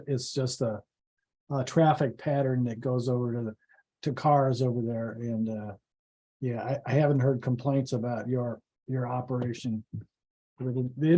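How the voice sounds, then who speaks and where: A man makes informal remarks at a public meeting, halting and repeating words as he goes. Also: medium pitch, warm tone, rough recording. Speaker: meeting participant.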